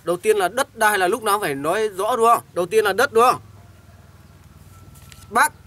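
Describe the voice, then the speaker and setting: Man as a high, bright-voiced village head, wordy and hedging. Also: moderate pace. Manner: hedging, rambling with many fillers. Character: polite village head sorting a family's property. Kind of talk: amateur short-film acting.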